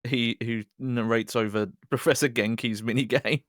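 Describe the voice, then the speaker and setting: A man with a mid-range, fairly bright voice offers casual co-host commentary on a video game, wry and observational. His intonation stays fairly even at a moderate pace, and the recording is dry with clean studio sound.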